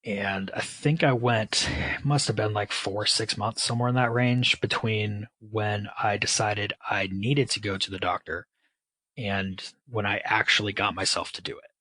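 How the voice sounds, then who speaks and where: A man's voice: lowish voice, fairly even intonation, a little slow, pushed and bright, dry recording, low-quality recording. A man speaking candidly and casually about his own experience, with wry, self-deprecating sarcastic asides. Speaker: podcast guest. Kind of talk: candid personal storytelling.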